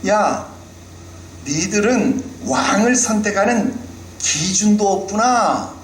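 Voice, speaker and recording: A man's voice: high-pitched, lively intonation, slow, voice pushed up. A man preaching and voicing a boastful giant warrior who mocks his enemies as fools and slaves. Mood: taunting. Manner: jeering, mocking, calling the listeners fools and slaves. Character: taunting giant male warrior, scornful and boastful. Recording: roomy hall with faint room noise.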